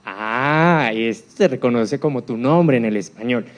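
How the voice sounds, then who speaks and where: A man's voice: mid-range voice, a little slow. A man giving a live talk in a university hall, often putting questions to the audience. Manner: engaging, quizzes the audience with questions. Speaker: speaker on accessibility for deaf people.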